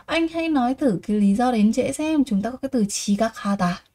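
A woman's voice: a little high, lively intonation, quick pace, dark tone. A woman teaching a vocabulary lesson, repeating each word and asking her students rhetorical questions. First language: Vietnamese. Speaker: Korean language teacher.

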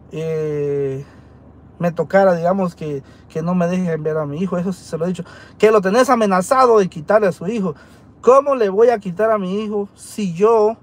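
A Guatemalan man with a high voice talks to camera in a casual way, earnest and on the defensive. He often stops to rephrase, and he sits in a dental clinic with faint noise behind him. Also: a little mellow. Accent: Guatemalan Spanish. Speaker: vlogger telling his side. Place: dental clinic waiting area.

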